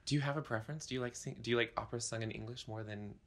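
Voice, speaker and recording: A man's voice: mid-range voice, racing, a bit bright. A man co-hosting a casual podcast, playful and quippy as he asks the questions. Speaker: podcast co-host.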